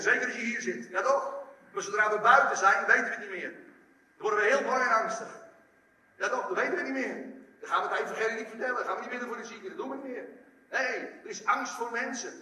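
A man preaching a sermon, lively, acting out the story in voices. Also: sits high. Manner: animated, acts out the story in voices. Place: large church hall. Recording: echoey hall, from far off.

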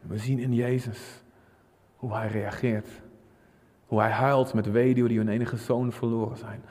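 Passionate preacher in a reverberant hall. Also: male voice, mid-range voice. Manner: passionate, swings from hushed to shouting. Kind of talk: sermon.

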